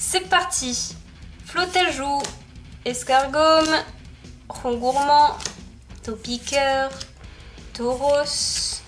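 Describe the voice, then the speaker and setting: High-voiced woman chatting slowly. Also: a bit bright. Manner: chatty, reads off card names, laughs often. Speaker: YouTuber opening trading card packs. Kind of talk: casual unboxing commentary.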